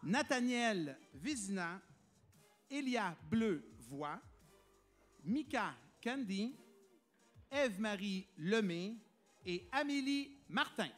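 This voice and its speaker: A man's voice: sits high, lively intonation, slow, long pauses, fairly bright tone, soft background music. Man joking while announcing school prizes. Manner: self-mocking, laughs between names. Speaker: awards ceremony presenter. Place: school auditorium.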